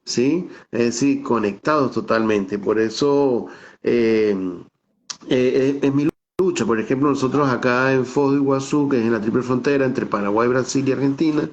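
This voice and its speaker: A middle-aged theater director from the Venezuelan Andes, with a Táchira accent, speaks as a guest on an online call, reflecting at length and tagging on "¿no?" as he goes. He is thoughtful, with many restarts and fillers. His mid-range voice moves at a moderate pace over dull, lo-fi video-call audio.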